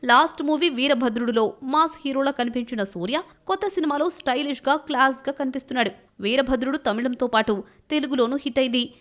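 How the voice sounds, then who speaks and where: Woman, film news voice-over, brisk read, high voice. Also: fairly bright tone. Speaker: news narrator.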